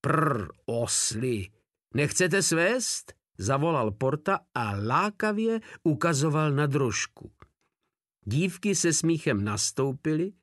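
A man narrating a novel as an audiobook reader, in an even storytelling manner. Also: mid-range voice, dry recording, clean studio sound. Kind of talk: scripted narration.

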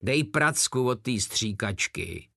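A man's voice: mid-range voice, expressive, vocal fry, pushed and bright, dry recording, studio quality, full character voice. A man voicing a huge, crude soldier who mocks and threatens coldly, read as an audiobook. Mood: menacing. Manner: coldly mocking, foul-mouthed.

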